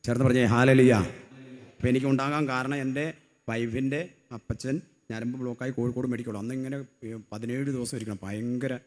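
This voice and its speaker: A middle-aged man preaching with a rousing call-and-response style. He keeps having the crowd shout his words back to him. His voice is neither high nor low, and it swings between loud emphatic cries and quiet storytelling. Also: fairly even intonation, moderate pace, long pauses. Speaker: lay preacher. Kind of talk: sermon.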